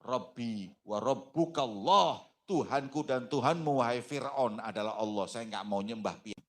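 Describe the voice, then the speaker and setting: A man's voice: medium pitch, a little slow, a bit bright, close to an everyday voice. A man voicing a devout young mother who pleads and holds firm, with a Banjar accent. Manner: pleading, shifting between firm and anguished.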